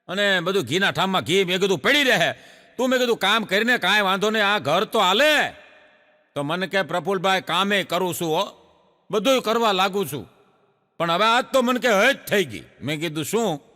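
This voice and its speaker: A man telling jokes as a stand-up comedian, animated and storytelling. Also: high voice, long reverb tail. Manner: animated joke-telling with audience laughter. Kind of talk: Gujarati folk comedy storytelling.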